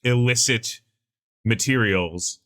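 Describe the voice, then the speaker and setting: A man co-hosting a casual pop-culture podcast, talking in an animated, sarcastic rant with frequent swearing. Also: mid-range voice, takes it slowly. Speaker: podcast co-host.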